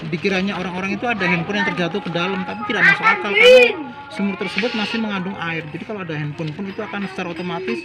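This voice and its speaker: A man's voice: high voice, very animated, very fast, heavy background noise. A local man answering a street interview as a witness, explaining eagerly, recorded on a phone outdoors with people around.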